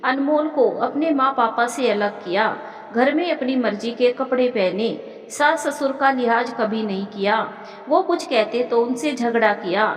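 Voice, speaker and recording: A woman's voice: on the high side, unhurried, natural voice. A woman voicing a remorseful young daughter-in-law who talks in an anxious, self-reproaching way. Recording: echoey room with long reverb.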